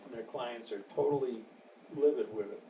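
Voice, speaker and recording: A man in his sixties with a gravelly voice, rambling and boasting in a casual interview. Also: mid-range voice, normal speed, mellow. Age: 60s. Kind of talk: casual chat. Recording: echoey, distant, noisy amateur recording.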